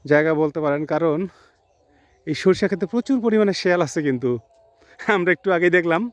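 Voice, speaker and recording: Male travel vlogger, voice a touch high, shot outdoors on a phone, talks straight to his viewers. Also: fast talker, no echo. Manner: addresses viewers directly, pointing things out. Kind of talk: outdoor guided vlog narration. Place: outdoors by mustard fields at a border.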